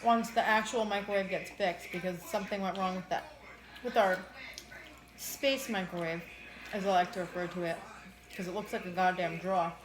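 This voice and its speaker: Over music, a woman co-hosting a mukbang chats casually while eating and answers viewers. Her voice is lowish and steady at a moderate pace, and she loosely repeats phrases in a roomy, echoey indoor space.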